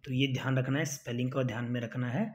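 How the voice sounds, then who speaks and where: A man's voice: medium pitch, fairly even intonation, fast. A male teacher giving an exam-prep spelling lesson, spelling words letter by letter and coaxing his students to remember them. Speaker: English teacher.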